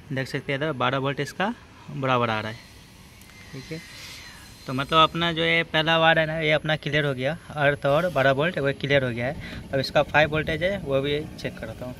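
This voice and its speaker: At the engine bay, moving in and beside a car, a male auto electrician and video host explains a repair in an informal tutorial style, step by step, with short check-in tags. His voice is fairly high and sharp, steady in tone and a little fast. Engine noise fills the noisy handheld workshop recording.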